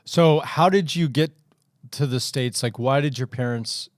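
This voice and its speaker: A man hosts a casual podcast interview, asking questions in an upbeat, friendly, joking manner. His voice sits in a mid pitch and is recorded close and dry, with no room sound. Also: a little slow, no room sound. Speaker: podcast host.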